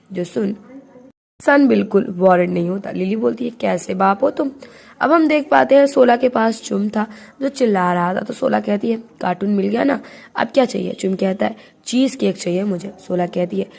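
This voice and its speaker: A woman narrates a drama recap in a chatty, quick storytelling manner, voicing each quoted line in her own everyday voice. Her voice sits at a middle pitch with a slightly gravelly, fry-tinged edge. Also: darkish tone.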